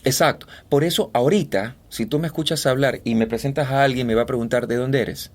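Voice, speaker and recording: A man from Ecuador, a voice-over artist, telling stories in a relaxed interview with lots of fillers and restarts. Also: mid-range voice, quick pace. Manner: animated storyteller, many fillers and restarts. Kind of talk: casual interview chat.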